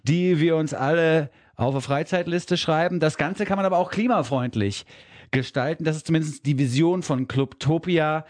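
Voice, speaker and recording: A man hosting a radio interview in a studio, asking questions and chatting in a relaxed, conversational way. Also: on the high side, normal speed. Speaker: radio host.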